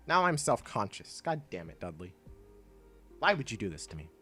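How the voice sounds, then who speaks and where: A young man with a fairly low, sharp, sing-song voice chats casually with his stream viewers at normal speed, faint music behind him. He's stuffy from clogged sinuses, reads and answers chat, and rambles, cutting himself off and laughing often.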